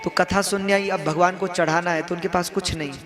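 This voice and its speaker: A young man telling a devotional story as a sermon, with rhetorical questions and warm appeals to his listeners. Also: high voice, fairly even intonation, brisk. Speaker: kathavachak (religious storyteller). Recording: music in the background.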